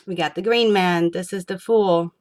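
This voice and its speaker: Excitable woman reading tarot cards. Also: lowish voice, moderate pace. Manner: enthusiastic, excitable, rambling. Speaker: tarot reader.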